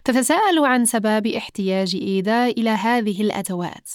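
A woman narrating a children's story in a calm, even storytelling manner. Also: mid-range voice, brisk, dry recording, studio quality.

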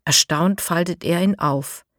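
A woman narrating a children's storybook in a clear, even reading voice. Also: lowish voice, unhurried, no echo, clean studio sound.

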